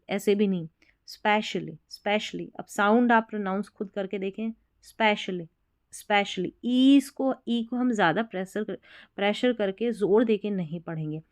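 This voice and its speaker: Female English tutor, Hindi accent, unhurried patient delivery, dry booth-like sound. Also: mid-range voice, no room sound. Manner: spells words letter by letter and explains patiently. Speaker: English teacher. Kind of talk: slow spelling and pronunciation lesson.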